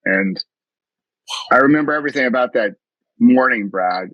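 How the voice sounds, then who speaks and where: A man's voice: medium pitch, moderate pace, no echo, dull audio. A middle-aged man from the US East Coast, a mindfulness coach telling his story in an interview in an earnest, reflective way, often restarting his sentences. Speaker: mindfulness coach and podcast guest.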